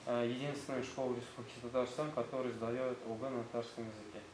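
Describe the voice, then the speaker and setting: A school director with a Tatar accent presents his gymnasium to visiting officials, speaking fast and hesitantly with lots of fillers. His medium-pitched voice stays level, and the roomy recording carries faint background noise.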